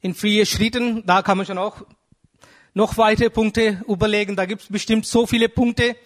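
A man preaching a sermon in German with earnest, halting delivery, searching for words and asking his listeners direct questions. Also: sits high, steady tone. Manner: asks the congregation direct questions.

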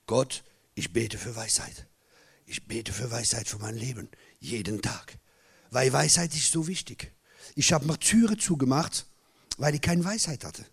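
A middle-aged man preaching a sermon as a pastor, hammering home repeated phrases and swinging between loud bursts and low, hushed asides. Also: measured pace, vocal fry, husky. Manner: repeats key phrases for emphasis.

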